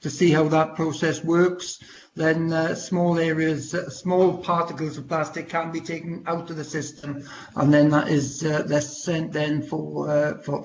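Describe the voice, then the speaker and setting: A man speaking over a glitchy video call that keeps breaking up, the sound muffled with a faint hiss underneath. His voice sits a bit high for a man. He answers haltingly, stopping and restarting around his ums. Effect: glitchy, breaking-up video call audio. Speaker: council deputy leader. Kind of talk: answering questions in an online council meeting.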